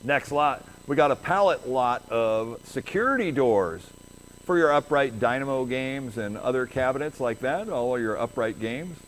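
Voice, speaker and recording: A man working as an auctioneer, calling lots and bids in a rapid, repetitive, rhythmic auctioneer's chant. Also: mid-range voice, lively intonation. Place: auction floor with background noise. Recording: noisy live auction room.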